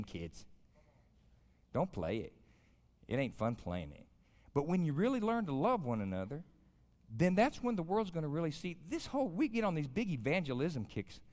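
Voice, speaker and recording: An American man in his fifties, a guest pastor, tells stories and poses questions in a folksy, informal chapel sermon. His voice is on the high side and a little mellow, swinging widely in pitch at a normal speed. The sound is that of a big indoor chapel with long reverb.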